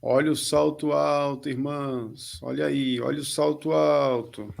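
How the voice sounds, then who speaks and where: A man's voice: on the high side, steady tone, a little slow, creaky. A man, a pastor interjecting exhortations to the congregation with repeated calls. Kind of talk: sermon commentary.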